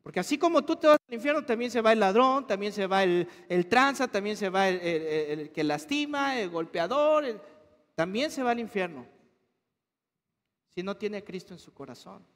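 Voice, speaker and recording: A man's voice: sits high, expressive, moderate pace, a bit bright. A man preaching a sermon as a pastor, asking the congregation questions as he goes. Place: church hall. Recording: reverberant church hall.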